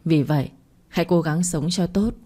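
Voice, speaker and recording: A woman voicing a cold, possessive young male doctor who talks in short, calm lines. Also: low-pitched, normal speed. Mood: cold, curt.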